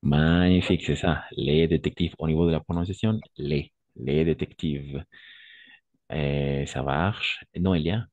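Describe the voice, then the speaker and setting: Deep slow-talking male French teacher. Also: a little mellow, no room sound, muffled recording. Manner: slow, patient, repeats words for pronunciation drills. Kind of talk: online language lesson.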